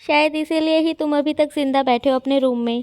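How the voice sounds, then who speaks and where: A woman's voice: high voice, fairly even intonation, fairly quick, darkish tone, dry recording, lightly acted. A woman voicing a playful young man who talks in a teasing, bantering way.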